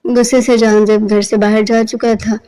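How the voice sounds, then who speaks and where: A woman narrating a romance novel aloud, steady and storytelling, carrying the characters' dialogue. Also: fairly high pitch, poor audio. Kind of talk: scripted novel reading.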